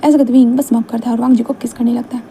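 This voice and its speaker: A woman retells a fan fiction story in a loose, conversational way, her voice high yet dark and mellow. She strings the scenes together with everyday fillers. Faint noise lies under the recording. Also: flat delivery, racing, creaky, low-quality recording. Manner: conversational, fillers between lines.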